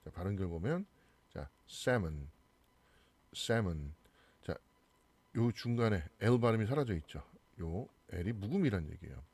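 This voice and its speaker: A man's voice: lowish voice, lively intonation, moderate pace, darkish tone, husky. A man with a Korean accent teaching English pronunciation, patiently explaining and repeating each word twice. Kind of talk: classroom pronunciation lesson.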